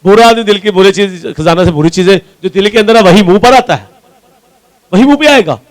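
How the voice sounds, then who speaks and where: A man's voice: high-pitched, lively intonation, fairly quick, poor audio. A male pastor from Pakistan with a Punjabi accent, preaching a sermon and answering his own questions to the congregation. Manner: asks the congregation questions and answers them himself; repeats key lines for emphasis.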